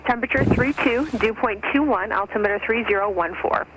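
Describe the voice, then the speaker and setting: A machine voice reading an automated airport weather and runway broadcast over aircraft radio, in an even, clipped readout of numbers and notices. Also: mid-range voice, a little fast, crowd noise, poor audio. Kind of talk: recorded airport information broadcast.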